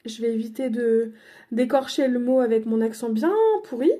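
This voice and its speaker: Woman chatting through her craft haul, high mellow voice, lots of ums and restarts. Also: little pitch movement, normal speed. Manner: chatty, hesitant, many fillers and self-corrections. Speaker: crafting vlogger. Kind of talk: casual product haul.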